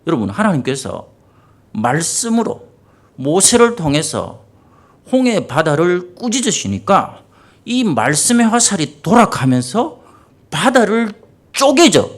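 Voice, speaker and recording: Gravelly-voiced pastor preaching. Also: male voice, on the high side. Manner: vivid, animated storytelling with rhetorical questions. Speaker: senior pastor. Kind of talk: early-morning prayer sermon.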